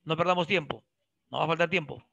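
A man lecturing a biology class, quizzing his students and cracking jokes as he goes. His voice sits a little high and sounds bright and gravelly. It is recorded close and dry, with no room sound. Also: quick pace, dry recording, muffled recording. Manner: lively, questioning students directly and joking. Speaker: biology teacher.

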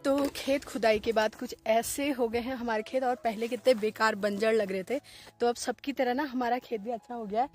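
A woman's voice: on the high side, steady tone, moderate pace, over music. A woman in her thirties from Uttarakhand, vlogging outdoors in hillside fields, chatty and explaining each farm task as she goes. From Uttarakhand, India. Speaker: village life vlogger. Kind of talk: casual vlog narration to camera. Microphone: phone held at arm's length.

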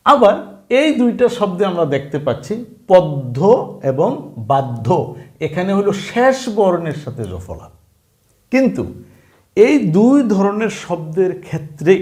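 Man, language teacher, high voice, animated intonation, repeats sounds, quizzes the listener. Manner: repeats sounds and rules, asks the listener questions. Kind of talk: online spelling and pronunciation lesson.

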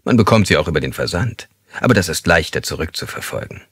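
A man voicing a calm, controlling male serial killer, speaking slowly and with menace. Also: low voice, slightly rough, no echo, clean studio sound, exaggerated voice. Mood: coldly calm. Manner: slow, measured and menacing, at times hissed.

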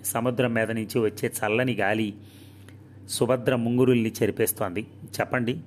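A man narrating a novel aloud in a calm, even storytelling manner. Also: mid-range voice, fairly quick, slight background noise. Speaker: audiobook narrator.

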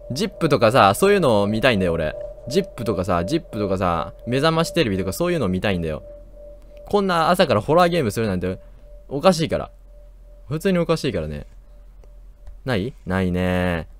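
A man commentating a horror game as he plays, talking to himself, joking and yelping loudly when startled. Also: fairly low pitch. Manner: jumpy, loud startled outbursts and joking complaints; talks to himself while exploring. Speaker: gameplay commentator.

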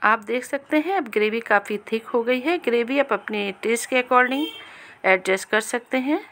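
A woman hosting a cooking channel, giving a calm, step-by-step recipe voice-over and speaking directly to viewers. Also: fairly high pitch, normal speed.

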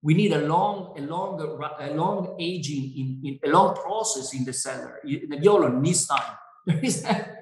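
A man, a winery owner whose first language is Italian, speaking on a video call in halting English with many fillers and restarts. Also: on the high side, darkish tone, echoey room, rough recording. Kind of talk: Zoom wine tasting interview.

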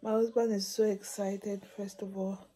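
A woman's voice: mid-range voice, level tone, moderate pace, warm tone, husky, rough recording. A woman vlogging a casual update, chatting directly to her viewers. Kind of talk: casual vlog update to camera.

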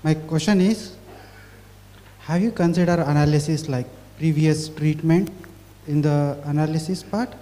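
A man in the audience asks a technical question, halting and restarting as he goes. His voice is mellow and a bit high, carried by a long hall reverb. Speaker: audience member asking a question. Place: conference hall.

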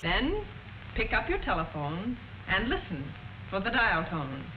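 Sounding like a prim, patient telephone instructor from a 1940s educational film, a woman narrates in a measured, didactic way. Her voice sits at medium pitch but swoops wildly, the mood is patient and instructive, and the soundtrack is old and muffled.

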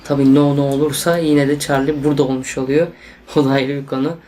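A man's voice: mid-range voice, fairly quick, slight background noise. Nervous young Turkish man vlogging. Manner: tense, excitable, addresses viewers as friends. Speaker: YouTuber. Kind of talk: casual vlog to camera.

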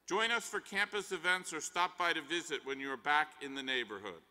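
A man's voice: fairly high pitch, bright, forceful tone. Older man giving a formal arena address. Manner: measured, reads from a script. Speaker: dean closing a commencement. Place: large arena at a podium. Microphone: podium mic. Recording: long arena reverb.

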